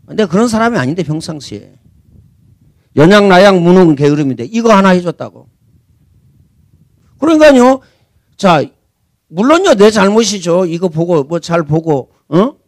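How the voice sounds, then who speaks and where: A man's voice: high-pitched, lively intonation, moderate pace, pauses often, no echo. A man preaching a sermon as senior pastor, talking conversationally and asking rhetorical questions.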